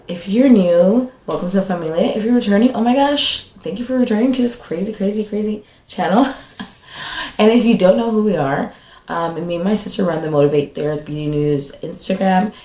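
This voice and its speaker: Chatty young woman, slightly hoarse. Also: fairly low pitch, darkish tone. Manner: chatty, rambling, filler-heavy. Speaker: beauty vlogger. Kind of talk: casual chat while doing makeup. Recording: echoey room.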